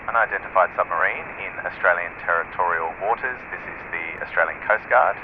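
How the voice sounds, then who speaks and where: A man's voice: sits low, brisk. A man playing a stern coast guard officer over marine radio. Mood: commanding. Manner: formal radio commands, stumbles when rattled. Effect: marine radio transmission. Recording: tinny hissing radio channel.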